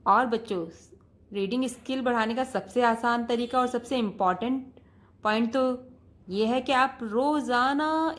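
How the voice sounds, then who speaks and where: A woman teacher giving a patient lesson to children, often calling out to the students and repeating each point. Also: on the high side.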